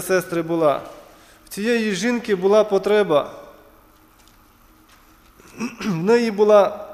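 A man's voice: high-pitched, darkish tone. A man preaching a sermon, retelling scripture and stories, calling his listeners brothers and sisters. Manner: addresses congregation as brothers and sisters. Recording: long hall reverb, church.

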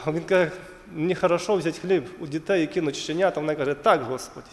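A man's voice: fairly high pitch, steady tone, rapid-fire. A man preaching a sermon, retelling scripture and stories, calling his listeners brothers and sisters. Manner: addresses congregation as brothers and sisters. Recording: long hall reverb, church.

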